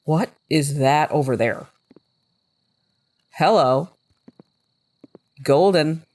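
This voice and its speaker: A woman's voice: sits low, very slow, a little mellow. A chatty woman with a slightly congested voice, commenting casually on a game as she plays, reading its text aloud and poking fun at herself. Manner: chatty, self-mocking, often laughing. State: slightly congested from a recent cold. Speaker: gameplay video host.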